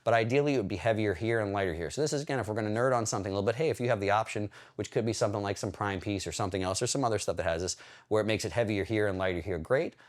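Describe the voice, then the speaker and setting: A man working as a hypertrophy coach, casually breaking down a training video in a chatty, explanatory way. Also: lowish voice. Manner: chatty, explanatory, talks while pausing and scrubbing video.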